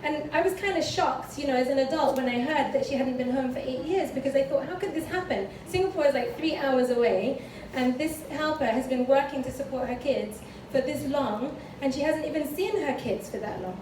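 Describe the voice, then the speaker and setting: In an echoey room with background noise and a distant mic, a woman from the United Kingdom with a British accent shares a personal story in a conference talk with slides. Her high voice runs fairly quickly with hardly any pauses, and her manner is candid and chatty, full of fillers and light laughs.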